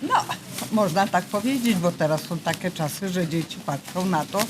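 Speaking at normal speed in a lowish voice, a retired grandmother in her seventies answers questions in a casual interview. Her manner is folksy and polite but insistent, and the background is noisy.

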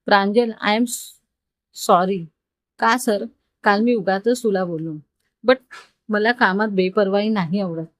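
A woman's voice: mid-range voice, steady tone, slow pace, pauses often, no echo, natural voice. A woman storyteller voicing a strict, curt young male office boss in a dry, close recording. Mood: defensive. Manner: curt, scolding.

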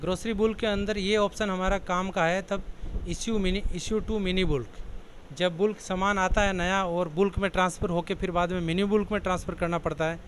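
A man with a slightly high voice walks through a computer program option by option, in a plain, explanatory way. A faint hum of background noise sits under his voice. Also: steady tone, normal speed, a bit bright, rough recording. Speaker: software tutorial presenter. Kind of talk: step-by-step screen walkthrough.

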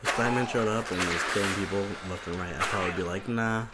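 A man's voice: sits low, fast. A man co-hosting a game let's play, chatting casually with playful, sarcastic jokes. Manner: joking, playful, sarcastic asides. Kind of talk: casual gaming banter. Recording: loud background noise.

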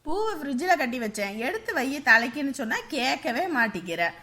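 A woman's voice: high-pitched, sing-song, brisk, bright, forceful tone, heavily acted. A nagging mother-in-law. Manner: scolding, nagging. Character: bossy mother-in-law, middle-aged. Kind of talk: family drama acting.

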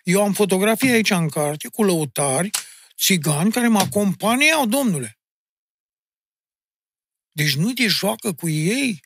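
A middle-aged man with a Maramureș Romanian accent, chatting as a podcast guest in a blunt, animated, storytelling way. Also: sits high, long pauses. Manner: animated storyteller, addressing the host bluntly with "mă" and "domne"; insistent, emphatic. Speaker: guest, folk singer and music teacher. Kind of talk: casual podcast conversation.

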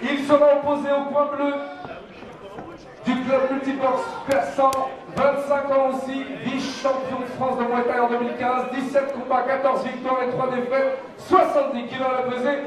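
Male boxing ring announcer, very high pitched and slow, projecting drawn-out names through a very echoey arena PA. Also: flat delivery. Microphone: handheld microphone over arena speakers. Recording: echoey arena PA, distant, crowd noise.

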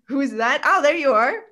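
A woman's voice: sits high, bright, forceful tone. A woman hosting a video call toast, welcoming guests one by one with many hesitant fillers. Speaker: host.

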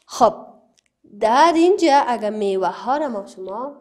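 A woman's voice: on the high side, lively intonation, a little mellow. A woman teacher with an Afghan Dari accent, giving a recorded lesson to young children, spelling out letters and syllables and answering her own questions. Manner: spells out letters and syllables slowly, repeating words; asks questions, then answers them herself. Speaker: primary school teacher.

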